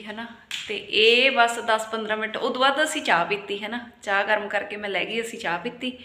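A woman's voice: fairly high pitch, pushed and bright, echoey room. A woman with a Punjabi accent chatting casually in a home vlog, teasing and laughing often as she talks. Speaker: vlogger.

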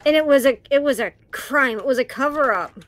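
A woman's voice: sits high, a little fast, fairly bright tone, soft background music. A woman co-player chatting casually and playfully while gaming.

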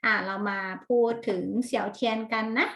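A woman teaching a children's language lesson online, patient and gentle, repeating each word slowly and clearly for her pupils. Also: fairly high pitch, fairly even intonation, roomy sound.

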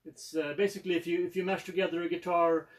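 A man's voice: high voice, level tone, fast talker. Swedish man in his forties, joking. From Sweden. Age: 40s. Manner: dry joking. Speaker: musician and concert host. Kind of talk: casual stage chat. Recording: from a distance.

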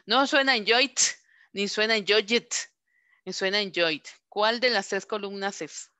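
A woman teacher leads an online class. She patiently repeats each English verb slowly for pronunciation practice. Her voice is bright and clear, recorded dry and close. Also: medium pitch, no room sound.

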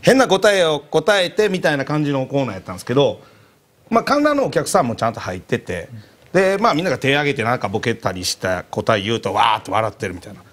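A man's voice: medium pitch, fast talker. A young adult man with a Kansai accent, telling a comic anecdote as a comedian on a TV panel and acting out the voices of the people in it. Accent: Kansai Japanese. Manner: animated storyteller, acts out quoted voices.

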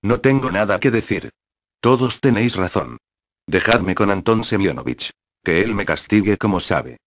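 A man reading the lines of a defiant teenage boy from a juvenile colony, in a curt, even delivery. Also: lowish voice, moderate pace, no echo, studio quality. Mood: subdued.

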